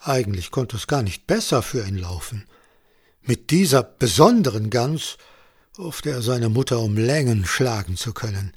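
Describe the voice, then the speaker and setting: A man reading a story aloud in a calm, measured narration. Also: medium pitch, husky, dry recording, studio quality.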